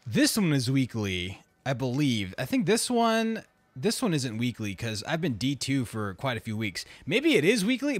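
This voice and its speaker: A man narrating his own gameplay for his viewers, excitable and full of casual slang. His voice sits a little high and swings widely in pitch as he reacts. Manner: excitable, slangy, talks to viewers as bro and dude. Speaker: gaming YouTuber. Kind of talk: gameplay commentary.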